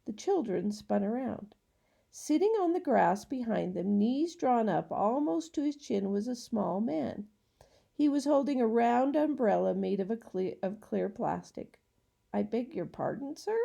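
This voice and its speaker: Lady reading a kids' book, slow and easy, very creaky gravelly voice. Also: fairly high pitch, lively intonation, mellow. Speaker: audiobook reader. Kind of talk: storybook narration.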